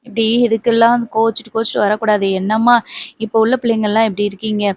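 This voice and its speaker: A woman voicing a middle-aged uncle who gently lectures his niece, in a soothing way. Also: fairly high pitch, level tone, quick pace, no room sound, lightly acted. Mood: advising.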